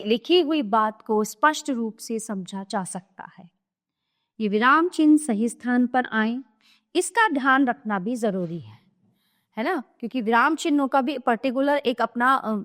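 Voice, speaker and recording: Woman teacher, high voice, chatty explaining, long reverb. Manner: chatty, explains each point, asks "है ना?". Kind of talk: grammar lesson explained from a book.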